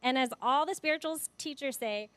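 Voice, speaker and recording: A woman in her forties preaches in a church and tells personal stories. She sounds emotional and laughs often. Her voice is high and the sound is close and dry. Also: brisk, a bit bright, dry recording. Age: 40s. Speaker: guest speaker. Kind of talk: spoken sermon with personal stories. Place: church sanctuary.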